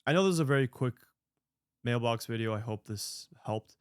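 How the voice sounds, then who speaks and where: A man in his late twenties, an online creator answering viewer mail, offers earnest life advice directly to his audience in a casual monologue. He rambles with fillers and restarts, speaking at normal speed in an animated, clear, resonant voice at ordinary middle pitch. The sound is dry and close, without room echo.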